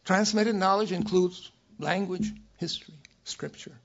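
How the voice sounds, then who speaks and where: An older man giving a scholarly lecture from a prepared text, in a measured, erudite professorial manner with a raspy voice. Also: high voice, fairly even intonation, fairly bright tone, muffled recording. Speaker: academic lecturer.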